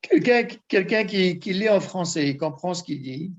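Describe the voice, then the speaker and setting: A man's voice: sits high, expressive, moderate pace, highs cut off. A man in a religious class who asks questions and murmurs agreement. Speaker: student.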